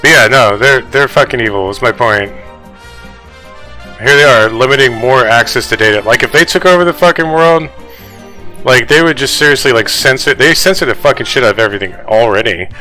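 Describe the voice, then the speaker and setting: Ranting, foul-mouthed man with a bright voice. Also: mid-range voice, faint music behind, poor audio. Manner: profane, ranting, heavy swearing; fast, fired-up speech addressed to viewers. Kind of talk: casual reaction commentary on news articles.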